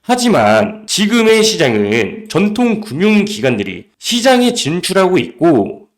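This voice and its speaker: A man presenting scripted crypto market commentary, emphatic and full of rhetorical questions. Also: a little high.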